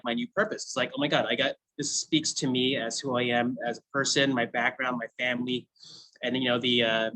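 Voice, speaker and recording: A man in his thirties from the United States, founder of a food brand, talks a class through his story in an easygoing, storytelling way, with lots of laughs and fillers such as "you know." He has a mid-range, slightly bright voice, and the audio is poor.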